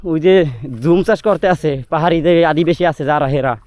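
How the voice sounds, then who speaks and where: A man's voice: on the high side, quick pace, a little mellow, dry recording. A young man from Bangladesh with a Barishal Bengali accent, chatting casually through a walking travel vlog outdoors in hill country, exclaiming at the views and out of breath from the climb. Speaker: travel vlogger. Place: hilly border area outdoors.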